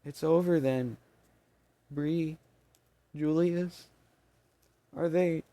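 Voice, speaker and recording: A man doing a tiny squeaky fairy woman, weak and despairing, halting words, raised voice, storybook creature, dry sound. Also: fairly even intonation, warm tone, no room sound. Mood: grieving. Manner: faltering, halting speech.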